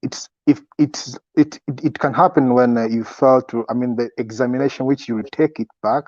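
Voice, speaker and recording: A young man in a casual interview, giving advice as a student guest in a halting way, often repeating his words. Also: medium pitch, fairly even intonation, darkish tone. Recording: echoey, dull lo-fi sound.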